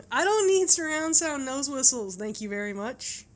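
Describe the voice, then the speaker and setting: A woman's voice: sits high, very animated, measured pace. A woman playing a sarcastic, exasperated bystander griping in a comedy parody.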